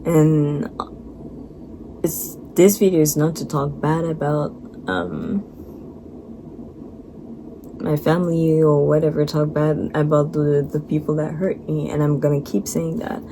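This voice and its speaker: Low-voiced woman sharing an emotional testimony. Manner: earnest, reflective, halting, fighting back tears. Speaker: vlogger. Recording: noisy background.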